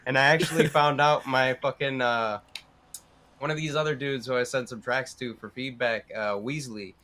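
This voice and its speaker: A young man, a guest artist, chatting casually and hesitantly on a podcast, with many pauses and ums. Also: mid-range voice, fairly even intonation, bright, forceful tone.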